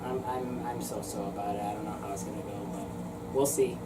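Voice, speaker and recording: A woman's voice: very deep voice, fairly even intonation, fairly quick. A woman co-reviewing a film in casual chat, hesitant, with stammering restarts. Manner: hesitant, stammering restarts, then jokey outbursts. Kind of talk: casual comedic movie review. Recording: distant mic with noisy background.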